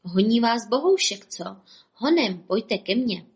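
A woman's voice: a little high, big pitch swings, slightly rough, heavily acted. A gloomy older stage magician, down on his luck, who sighs and speaks mournfully in a somewhat raised voice, as a woman reading a storybook plays him. He is courteous yet full of self-pity.

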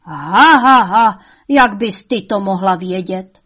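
A woman's voice: medium pitch, close to an everyday voice. A woman voicing a bad-tempered, curious male devil who bellows and laughs mockingly in a storybook reading.

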